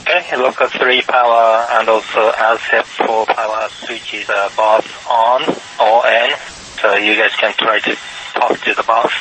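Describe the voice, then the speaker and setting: A man reports as an astronaut over a space radio link with clear background noise. He talks slowly and haltingly in a slightly low voice, pausing mid-sentence as he works through procedures. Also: level tone, pushed and bright. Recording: noisy space-to-ground radio.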